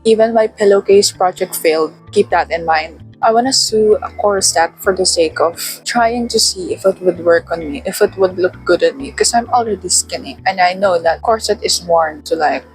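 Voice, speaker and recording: A woman's voice: lowish voice, normal speed, few pauses, soft background music, poor audio. A young woman with a Filipino accent, chatting casually to camera in a self-deprecating way, still a little sleepy. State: sleepy, just woken. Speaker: vlogger.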